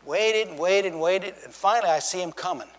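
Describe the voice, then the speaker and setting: A man's voice: high-pitched, brisk, in a large hall. A man preaching as pastor, telling folksy, joking stories with frequent restarts. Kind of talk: sermon. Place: church sanctuary with long reverb.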